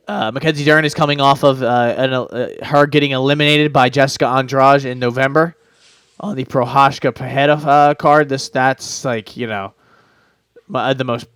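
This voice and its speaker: Sharing betting picks on a sports podcast he co-hosts, a man rambles casually, full of fillers and false starts. His medium-pitched voice is smooth and a bit bright, in a dry recording.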